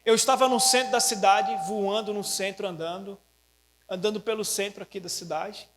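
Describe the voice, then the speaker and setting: A pastor, a man with a notably high voice, tells a testimony from the pulpit. He is animated and conversational, constantly turning to his congregation. His voice rings with long reverb in a church hall. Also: moderate pace. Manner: animated storytelling preacher, often addressing "irmãos". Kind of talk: sermon testimony.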